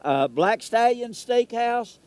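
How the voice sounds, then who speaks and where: A man's voice: very high voice, animated, slow, darkish tone, clear, resonant tone, dry recording. Folksy man announcing sponsors. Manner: folksy, chatty, laughs between lines. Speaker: parade broadcast announcer. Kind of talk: folksy live sponsor readouts.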